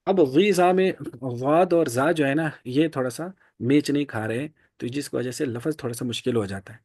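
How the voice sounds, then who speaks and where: Man, teacher lecturing, explanatory, frequent fillers, mid pitch, dry sound. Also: darkish tone, no room sound. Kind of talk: classroom lecture.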